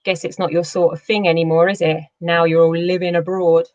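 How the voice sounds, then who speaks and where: A sulky middle-aged father who needles with dry remarks, as a woman reading aloud voices him. His voice sits low. The sound is muffled. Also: flat delivery, brisk, darkish tone, no echo, close to an everyday voice.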